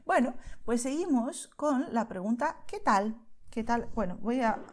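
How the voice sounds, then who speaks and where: A woman's voice: fairly high pitch, lively intonation, measured pace. A woman from Spain with a Spain Spanish accent, teaching Spanish to beginners in a patient, explanatory way and often checking in with the learner.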